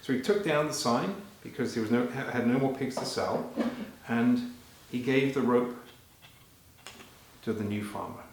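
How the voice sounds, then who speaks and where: A man performing a story live for children, animated and talking to them directly, halting and repeating phrases as he goes. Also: mid-range voice, slight background noise. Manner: animated, addressing children with questions. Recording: very echoey, reverberant room.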